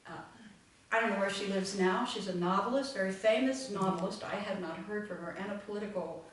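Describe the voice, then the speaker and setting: A woman's voice: medium pitch, fairly even intonation, fairly quick, a little hiss or hum. A woman leading a full moon meditation group, talking reflectively to a live audience and meandering with many fillers. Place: meeting room with audience. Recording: echoey room, far from mic.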